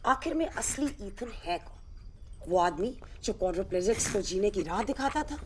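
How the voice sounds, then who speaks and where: A woman plays a television news reporter in a film. Her delivery is crisp and dramatic. Her pitch is lively and animated. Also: close to an everyday voice.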